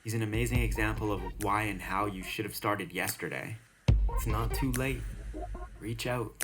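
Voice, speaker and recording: Young guy hosting a podcast, lowish voice, kinda sarcastic then sincere. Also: normal speed, over music. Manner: sarcastic, then earnest and reflective. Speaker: podcast host. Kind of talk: podcast monologue and interview.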